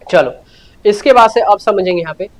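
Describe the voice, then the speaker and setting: A man's voice: high-pitched, gravelly. A man teaching a chemistry lecture, repeating key words, asking questions and answering them himself, and often telling students to listen carefully and note things down. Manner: repetitive, answers his own questions, keeps urging students to note down. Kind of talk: classroom lecture.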